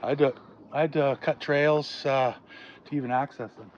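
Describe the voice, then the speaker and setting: A man talks casually and haltingly, thinking aloud as he explains hands-on work. His pitch sits in the middle to high side for a man. The sound is dull outdoor camera audio with faint noise behind him. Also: fairly even intonation. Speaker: log cabin builder and vlogger. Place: outdoors at a cabin building site.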